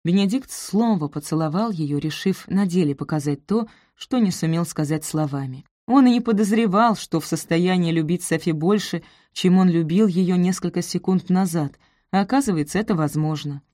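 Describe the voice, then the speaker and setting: Mellow, low-pitched woman narrating a romance. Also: moderate pace, hardly any pauses, no echo, clean studio sound. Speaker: audiobook narrator.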